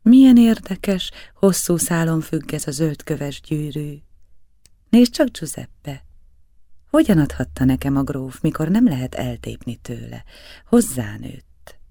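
A man reading an audiobook, voicing an entranced young woman who speaks slowly in a dreamy half-whisper. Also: a little high, big pitch swings, creaky, slightly rough, no room sound, clean studio sound, full character voice.

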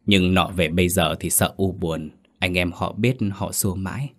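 A man voicing the calm, dutiful ghost of a fallen male soldier. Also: low voice, moderate pace. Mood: gentle, resigned.

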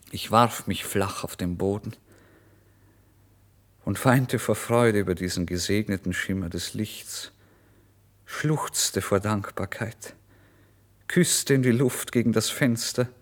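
A man with a lowish voice performs a theatrical radio-play monologue as a proud narrator who is starving, feverish and close to madness. His intense delivery shifts between hushed tones and outcry, here charged with ecstatic relief.

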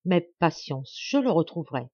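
A woman voicing a loyal, blustering old male corporal in an audiobook, with loud indignant outbursts. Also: fairly low pitch, very animated, moderate pace, slightly rough, no echo, highs cut off. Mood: gruff. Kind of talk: audiobook character voice.

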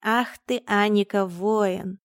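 Woman doing a loud fierce talking tomcat. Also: medium pitch, fairly even intonation, takes it slowly, no room sound, studio quality, close to an everyday voice. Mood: scolding. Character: fierce talking male tomcat, proud and protective.

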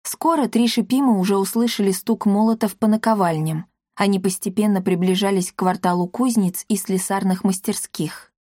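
A woman's voice: mid-range voice, warm tone, dry recording, studio quality. A woman reading a children's adventure story aloud as narrator. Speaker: audiobook narrator. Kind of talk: scripted narration.

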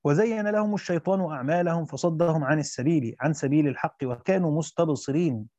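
A man reading a classical commentary aloud quickly, stopping for casual explanatory in a way of speaking. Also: fairly high pitch, dark tone, dry recording, muffled recording. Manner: reads quickly in classical Arabic, then breaks into colloquial asides with restarts. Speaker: teacher reading through a Quran commentary. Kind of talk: reading a classical text aloud with spoken asides.

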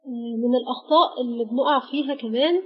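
A woman with an Egyptian accent gives a patient grammar lesson. She names each letter with a pause after it. Her voice is fairly high and husky, and the recording sounds dull and lo-fi. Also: fairly even intonation. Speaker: Arabic teacher.

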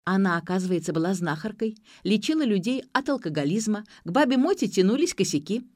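A woman's voice: animated, darkish tone, no room sound, clean studio sound, close to an everyday voice. A woman voicing a brash, stubborn young woman. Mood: indignant. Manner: high-pitched, quick and indignant.

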